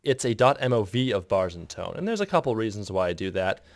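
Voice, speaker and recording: A man talks through an editing tutorial in a loose, rambling voice-over, breaking off mid-thought and chuckling at himself. His pitch bounces around a lot. The recording is close and dry, with no room sound. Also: big pitch swings, fast, no room sound. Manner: rambling, self-interrupting, chuckling asides. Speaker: video editor explaining his process.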